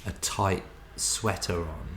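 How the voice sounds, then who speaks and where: A deep-voiced man talks as an interview guest. His style is informal and conversational. Noticeable noise sits behind the voice. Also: steady tone, takes it slowly, fairly bright tone. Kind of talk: casual chat.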